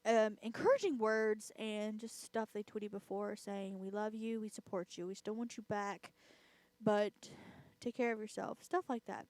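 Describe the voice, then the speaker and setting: A woman's voice: medium pitch, measured pace, darkish tone, no room sound. A woman vlogger chatting casually, rambling and filling her talk with "I mean" and self-mocking laughs. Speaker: vlogger and host. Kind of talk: casual chat.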